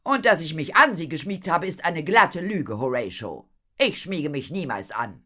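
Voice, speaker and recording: A woman's voice: deep voice, very animated, moderate pace, bright, forceful tone, pitched above the performer's own voice, full character voice. A woman voicing a proud, cool-tempered female stage performer who speaks in a haughty, curt way.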